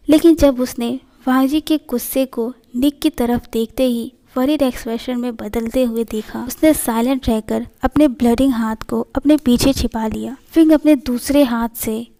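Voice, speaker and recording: A woman narrating a fan-fiction story in a steady, plain reading voice. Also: a little high, normal speed.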